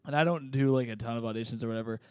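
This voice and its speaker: A man's voice: mid-range voice, racing, darkish tone, clean tone, dry recording. A young man co-hosting a casual comedy podcast, laughing often and swearing freely. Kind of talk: casual chat.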